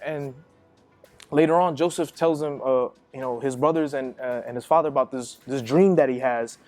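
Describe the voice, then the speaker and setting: Young man, youth minister, casual sermon, rambling, filler-heavy, mid-pitched voice. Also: normal speed, darkish tone, faint music behind.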